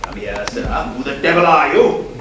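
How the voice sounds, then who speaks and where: A man's voice: mid-range voice, animated, moderate pace, fairly bright tone, natural voice. A man playing a blustering, hot-tempered old baronet in a stage play, bellowing impatiently. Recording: echoey hall, far from mic, noisy.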